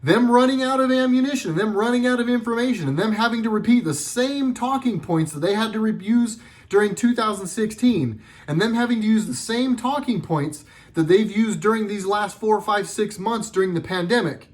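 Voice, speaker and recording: A man's voice: high-pitched, moderate pace. A middle-aged man delivering a sarcastic, heated political commentary monologue with lots of emphasis.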